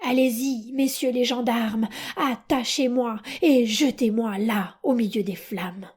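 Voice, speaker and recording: A woman voicing a young wooden puppet boy in an audiobook, high and pleading. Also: slow pace, a little mellow, slightly rough. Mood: heroic. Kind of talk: audiobook character reading.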